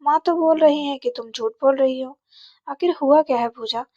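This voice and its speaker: A woman's voice: sits high, normal speed, mellow, no room sound, close to an everyday voice. A woman voicing a torn young husband who is exasperated but earnest with his wife and mother. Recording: slightly dull, dry recording.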